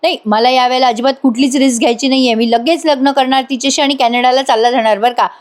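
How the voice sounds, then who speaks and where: A woman's voice: high-pitched, steady tone, fast talker, natural voice. Woman playing a bragging sly young guy, pushy and sure of himself. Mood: boastful. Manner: boastful, insistent. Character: boastful scheming young man, braggart suitor.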